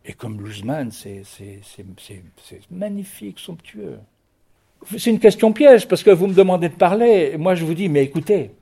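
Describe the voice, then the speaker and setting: A man's voice: high-pitched, lively intonation, moderate pace, creaky, dark tone, slightly rough. A man over fifty, a guest in an interview, speaking with passion while often stumbling and repeating his words. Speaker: guest, record producer and music writer. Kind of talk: radio interview.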